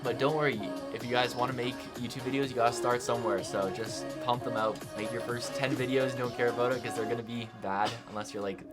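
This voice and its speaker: A man's voice: mid-range voice, steady tone, fast, hardly any pauses. A young adult man giving casual reaction commentary among friends in a lightly self-mocking way. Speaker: YouTube art channel creator. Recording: loud music behind the voice. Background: music.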